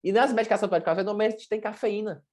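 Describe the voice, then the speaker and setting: A woman's voice: medium pitch, very fast, darkish tone. A woman with a Brazilian Portuguese accent teaching a workshop in a blunt, chatty way, with slang and acted-out examples. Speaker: workshop presenter, sports nutrition. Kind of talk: informal teaching talk.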